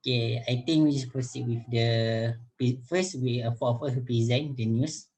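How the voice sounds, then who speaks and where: A man's voice: mid-range voice, fairly even intonation, normal speed, darkish tone, low-quality recording. A young man leading a student group discussion over a video call, hesitant with many fillers and restarts. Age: young adult.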